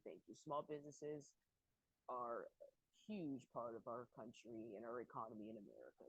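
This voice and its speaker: A woman hosting an online open mic show, upbeat, with many repeated thanks and fast bursts. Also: very deep voice, breathy edge, no room sound, poor audio. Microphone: video call.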